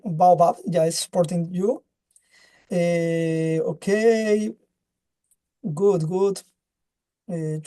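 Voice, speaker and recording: Casting note: a man with a mellow voice, halting and restarting on a video call. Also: sits high. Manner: halting, searches for words, many restarts. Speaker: webinar speaker. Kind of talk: casual presentation and chat.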